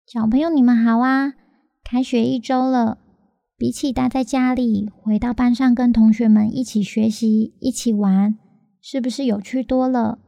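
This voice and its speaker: A woman's voice: a little high, creaky, warm tone, no room sound. A woman hosting a children's story podcast, telling a story as if reading to a toddler, in simple phrases with questions for little listeners. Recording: music behind the voice.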